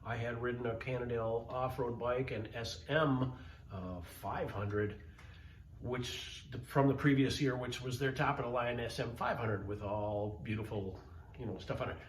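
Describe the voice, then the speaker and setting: A man's voice: medium pitch, steady tone, moderate pace. A man in his fifties hosting a casual vlog to camera, rambling and correcting himself as he talks enthusiastically in an indoor workspace. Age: 50s. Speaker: channel host. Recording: roomy echo, faint background hiss.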